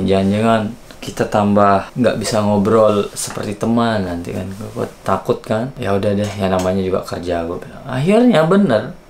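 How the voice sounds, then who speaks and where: A man with a low, gravelly voice chats through a personal story, speaking straight to the listener. The recording sits in an echoey room with faint noise behind it. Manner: chatty, confiding, talks straight to the viewer. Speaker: vlogger. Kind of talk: casual storytelling to camera.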